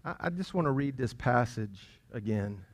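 A man preaching a sermon as pastor, conversational and playful, with quiet asides between loud, emphatic lines. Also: medium pitch, expressive, normal speed. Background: congregation chuckling.

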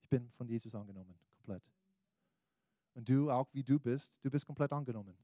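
In a brisk, dark, mid-range voice, an American preacher who is a native English speaker exhorts his listeners in German with his American accent. His informal evangelical sermon uses colloquial language, recorded at studio quality without room sound.

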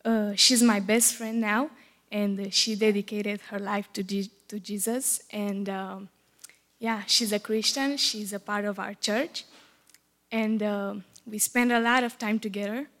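A woman whose first language is Romanian gives a personal testimony in accented, careful English. She speaks slowly at a middling pitch, halting as she searches for each word. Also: fairly even intonation, a bit bright. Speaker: church ministry worker.

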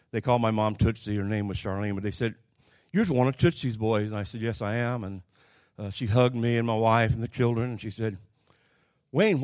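A man's voice: mid-range voice, darkish tone, clear, resonant tone, no room sound. Older Oklahoma man preaching, dry close sound. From Oklahoma, United States. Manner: folksy, plainspoken, halting with pauses and repetitions. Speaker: Pentecostal preacher. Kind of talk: sermon with personal storytelling.

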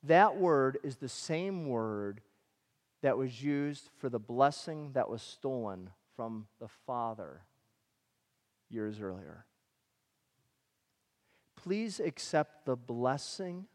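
A middle-aged man from Michigan preaching a sermon as pastor, conversational and animated with personal asides. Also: mid-range voice, slow pace, pauses often, in a large hall.

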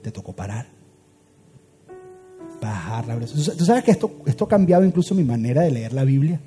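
A man preaching a sermon as a pastor, swinging from loud urgent build-ups to hushed, quiet lines. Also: mid-range voice, very animated, brisk, faint music behind.

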